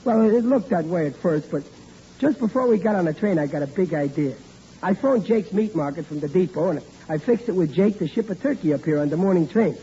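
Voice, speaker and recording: A bumbling radio sitcom dad, pitched high with a mellow tone. He stammers, repeats himself and blusters in exasperation whenever his schemes wobble. It sounds like a dull, noisy vintage broadcast. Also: animated, a little fast. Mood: sheepish scheming. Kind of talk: 1940s radio comedy acting.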